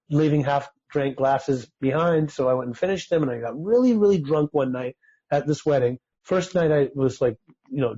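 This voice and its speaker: A man's voice: medium pitch, mellow, slightly rough, muffled recording. A man whose first languages were Persian and German, raised in Utah, earnestly telling his life story as a podcast guest. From United States (Utah).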